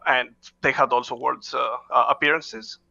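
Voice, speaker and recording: A man with a gravelly, bright, medium-pitched voice gives casual interview answers as a head coach appearing as a guest. His speech is halting, with frequent "uh" fillers, restarts, and non-native phrasing, and the sound is lo-fi.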